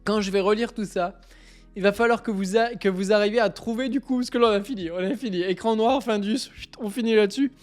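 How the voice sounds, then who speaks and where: A man chatting on a live stream, excitable, stammering and repeating himself as he keeps breaking into laughter. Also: sits high, fairly quick, soft background music. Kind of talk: casual live-stream chat.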